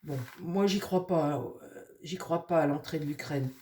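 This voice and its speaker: A woman with a cold who talks through her nose, rambling casually with many fillers while reading tarot for her viewers and speaking softly to her cards. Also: deep voice, measured pace, slight background noise. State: nasal from a cold. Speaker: tarot reader.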